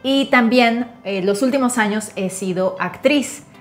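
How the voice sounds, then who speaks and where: A woman's voice: on the high side, measured pace. Woman, 30s, Mexico City accent, upbeat co-host, lapel mic, light music under. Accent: Mexican Spanish. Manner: cheerful, laughs often. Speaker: co-host, Spanish teacher. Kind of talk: casual bilingual chat. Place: home kitchen.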